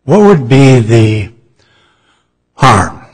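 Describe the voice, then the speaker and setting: A man's voice: mid-range voice, very animated, extremely slow, slightly rough. A male chief judge asking counsel pointed, skeptical questions. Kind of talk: questioning counsel at oral argument. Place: courtroom. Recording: long reverb of a courtroom.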